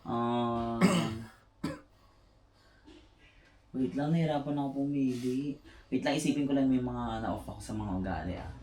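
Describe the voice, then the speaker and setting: A woman's voice: a bass voice, measured pace, long pauses, warm tone. A woman casting votes in a casual chat, hesitant and searching for words, giggling now and then. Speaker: housemate casting eviction votes. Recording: roomy echo.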